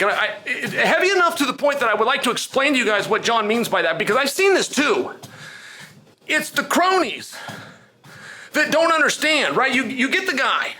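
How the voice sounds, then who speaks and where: High-pitched, bright-voiced American man holding forth. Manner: emphatic storyteller, repeats phrases and poses rhetorical questions. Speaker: sports commentator hosting a talk vlog. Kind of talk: casual opinion monologue on combat sports.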